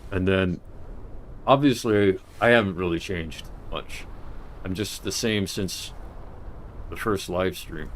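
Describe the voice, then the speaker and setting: A man's voice: low-pitched, slow, long pauses, a little hiss or hum. A man livestreaming, talking in a casual, meandering monologue full of restarts. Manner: meandering, restarts, talks to his mother off camera.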